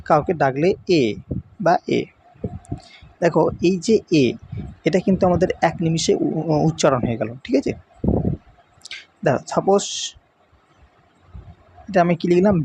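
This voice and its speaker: A young man teaches a lesson at a brisk clip in a slightly high, mellow voice. He explains patiently, repeating key points and checking in often. A faint background hum sits under the recording. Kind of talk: classroom explanation.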